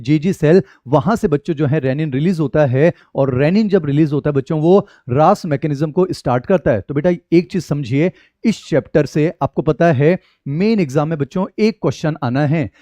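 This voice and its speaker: Indian male teacher with a warm voice. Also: a little high, no room sound. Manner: repeatedly addresses students as children, mixing Hindi and English terms. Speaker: biology teacher. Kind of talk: exam-prep lecture.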